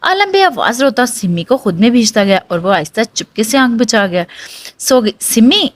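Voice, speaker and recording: A woman's voice: fairly high pitch, expressive, no room sound. A woman narrating a romance novel in an emotional, dramatic reading.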